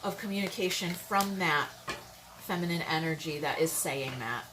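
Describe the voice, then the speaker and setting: A woman's voice: on the low side, normal speed, very noisy. A woman giving a casual, chatty tarot reading, bluntly speaking her mind and often checking in with her listeners. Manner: chatty, keeps checking in with "okay?" and "all right?". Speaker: tarot reader.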